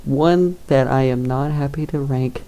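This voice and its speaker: A young YouTuber ranks games in casual tier-list commentary, his mid-range, dark-toned voice moving at a measured pace. He rambles and hesitates, with many fillers and chuckles.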